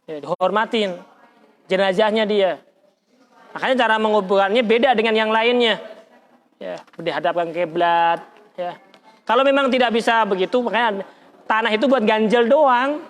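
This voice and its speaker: A man. He demonstrates as he explains and keeps asking his listeners questions. His pitch jumps up suddenly in exclamations. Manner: animated, colloquial, demonstrating with gestures, asks the audience questions. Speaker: religious teacher. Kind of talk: lively Islamic study lesson with demonstration.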